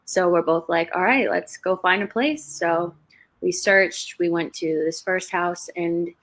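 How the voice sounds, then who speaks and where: A woman's voice: on the low side, measured pace, a bit bright. A woman in her twenties, a guest on a livestreamed interview, telling her stories in a chatty, easygoing way. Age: 20s. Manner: chatty storyteller, laughs between stories. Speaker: guest, real estate investor. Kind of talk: casual interview over a livestream.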